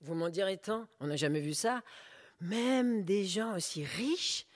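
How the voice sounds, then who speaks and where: A man's voice: high voice, animated, measured pace, no room sound, clean studio sound, pitched above the performer's own voice. Man playing a chattering smug supplier. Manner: pompous, chatty. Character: second smug male army supplier, chattering.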